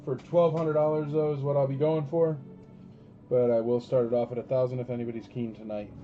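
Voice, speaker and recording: A man's voice: mid-range voice, little pitch movement, a little fast, dull audio, soft background music. A man working as an auctioneer on a live sale, talking in informal patter with emphatic calls. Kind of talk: auctioneer running a casual live collectibles sale.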